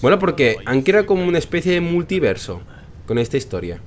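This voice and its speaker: A man's voice: fairly high pitch, very animated, fast. A young man with a Spain Spanish accent, hosting a let's play with joking, sarcastic, swear-filled casual commentary.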